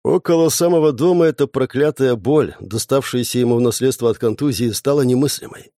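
A man reading a novel aloud in an expressive, dramatic storytelling manner. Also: mid-range voice, fairly quick, no echo, studio quality. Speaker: reader. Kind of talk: literary reading.

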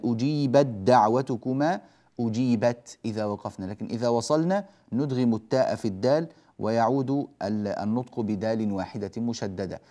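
Man, recitation teacher, mellow warm tone, patient explanations, slow chanted examples. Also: mid-range voice. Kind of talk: tajweed lesson.

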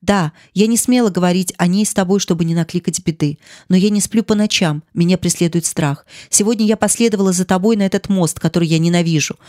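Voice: mid-range voice, quick pace, hardly any pauses, dark tone, dry recording, studio quality, close to an everyday voice. A narrator voicing a passionate young woman pleading with her lover in an audiobook. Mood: impassioned. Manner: pleading, impassioned. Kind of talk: audiobook character reading.

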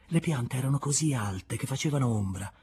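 Un uomo che legge ad alta voce un romanzo classico, con ritmo misurato ed espressivo, a tratti quasi sussurrando. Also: male voice, medium pitch, slightly rough. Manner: measured, expressive, sometimes dropping to a whisper. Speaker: audiobook reader. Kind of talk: literary audiobook narration.

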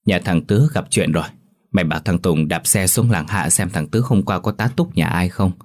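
A man with a deep voice voicing a gruff, scolding old village elder in a storybook tale. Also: moderate pace, a little mellow. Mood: commanding. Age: older.

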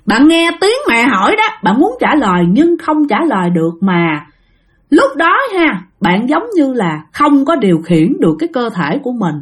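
Woman, ghost story narration, lively intonation, fairly high. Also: moderate pace. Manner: chatty, repeats words for effect.

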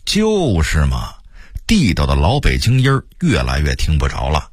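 A man voicing an elderly male snack shop manager from old Beijing, speaking with a Beijing accent and animated, delighted exclamations. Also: rumbling low, moderate pace, husky, dry recording, clean studio sound, heavily acted. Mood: emphatic. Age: older.

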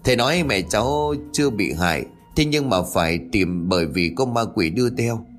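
A man's voice: lowish voice, lively intonation, moderate pace, soft background music, natural voice. A man voicing an anxious young villager who explains urgently.

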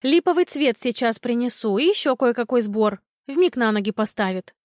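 Sly old village granny, nosy and bossy, in an audiobook, as read by a woman, higher and dry. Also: expressive, normal speed, a little mellow, dry recording, close to an everyday voice. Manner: bossy, meddling, scolding.

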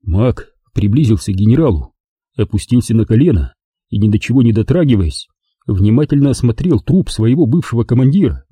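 Brief: male audiobook narrator, husky and dark, lively intonation, dry close sound. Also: medium pitch, fairly quick, dry recording. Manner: expressive storytelling.

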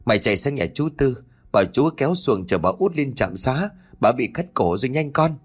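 A man's voice: medium pitch, sing-song, fairly quick, breathy edge, pitched above the performer's own voice. A man voicing an urgent village mother. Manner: urgent, barking orders. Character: rural middle-aged mother, urgent and commanding. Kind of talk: storytelling narration.

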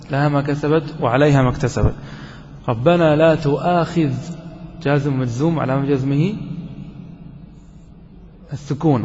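A man teaching an Arabic grammar lesson who asks his listeners questions, answers them himself, and slows down to chant quoted verses. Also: fairly high pitch, darkish tone. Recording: dull lo-fi sound with long hall reverb.

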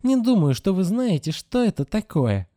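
A man voicing a defiant teenage girl, high and lively. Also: normal speed, no room sound, studio quality. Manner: defiant, insolent.

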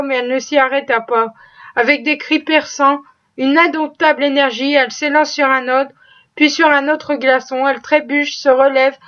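Woman reading a novel aloud, high voice, kinda muffled lo-fi sound. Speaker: reader. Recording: dull lo-fi recording.

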